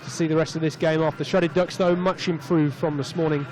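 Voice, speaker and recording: A man's voice: fairly high pitch, fairly quick, slight background noise. A man commentating live on a rugby tens match from the stand of an open stadium, chatty between plays and lifting when play breaks open. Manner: chatty, rising excitedly on breaks.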